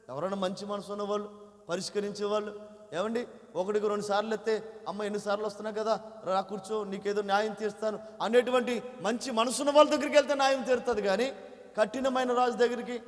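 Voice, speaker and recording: A man with a Telugu accent preaching a gospel sermon at a church meeting, swinging between loud fervent cries and low, intense passages. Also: steady tone, quick pace. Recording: long hall reverb.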